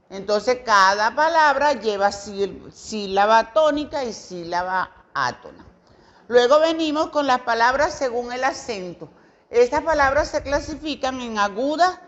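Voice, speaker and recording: A woman's voice: on the high side, fairly bright tone, highs cut off. A woman teacher from Venezuela giving a recorded grammar lesson to children, patiently repeating example words, with some hesitant fillers and self-corrections.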